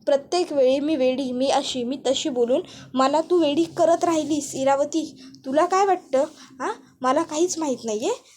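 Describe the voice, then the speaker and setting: A woman doing a fierce older woman's loud accusations. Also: sits high, normal speed, a little hiss or hum, natural voice. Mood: accusing.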